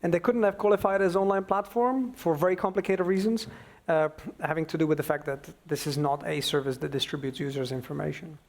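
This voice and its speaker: A man giving an explanatory expert talk, with halting phrasing and emphatic bursts. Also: on the high side, steady tone, darkish tone. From Slovakia. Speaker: expert speaker.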